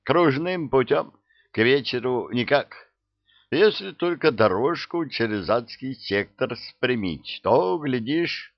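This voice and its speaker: A man's voice: mid-range voice, expressive, slow, no echo, voice pushed up. A man voicing a carefree, cocky male labyrinth guide who drawls and teases. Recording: dull dry studio sound.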